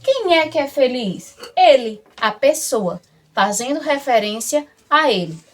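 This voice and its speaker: A woman with a Brazilian Portuguese accent teaching a language lesson, explaining slowly and carefully and drawing out the example words. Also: high voice, expressive. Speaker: Spanish teacher. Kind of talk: classroom lesson.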